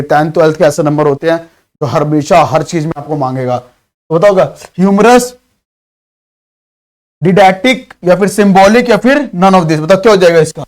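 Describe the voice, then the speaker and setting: High-voiced Bihari teacher, drilling quiz questions. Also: male voice. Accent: Bihari Hindi. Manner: reads questions slowly, explains in fast chatty Hindi. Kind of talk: exam-prep lesson.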